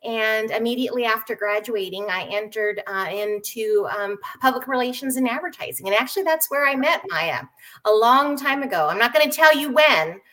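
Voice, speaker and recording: A middle-aged woman from San Diego, born in Japan, chatting as a guest with many hesitant pauses. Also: on the high side, fairly bright tone. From born in Japan, raised in San Diego. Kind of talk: casual conversation.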